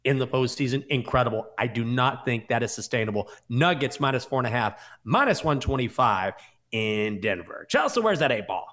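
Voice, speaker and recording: A man's voice: mid-range voice, fairly bright tone. A man co-hosting a sports betting show, delivering picks and banter with confident, theatrical tipster hype.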